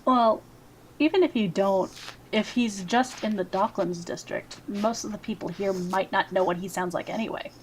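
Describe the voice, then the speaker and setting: A woman runs a tabletop game as dungeon master. She talks in a casual, patient way and explains the rules to her players. Her voice sits at a middle pitch over a faint hiss. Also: moderate pace, low-quality recording.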